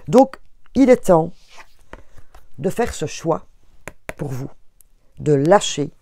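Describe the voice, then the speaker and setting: A woman's voice: low-pitched, lively intonation, takes it slowly, mellow, slight background noise. A woman with a Belgian French accent giving a casual astrology card reading, speaking straight to her viewers with many fillers and restarts. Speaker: tarot reader.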